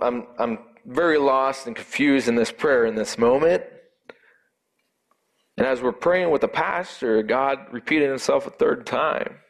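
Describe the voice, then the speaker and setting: Speaking in a mid-range voice, a man gives a heartfelt, emotional testimony of his personal faith, sometimes halting and repeating words.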